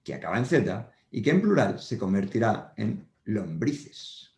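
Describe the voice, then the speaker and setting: A male teacher explains grammar at a whiteboard, patient and repetitive, checking that the class follows. His voice sits fairly low. The sound carries a roomy echo. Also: very animated, measured pace, vocal fry, darkish tone. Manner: patient, repeats points with frequent check-ins. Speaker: primary school teacher. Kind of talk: whiteboard grammar lesson for children.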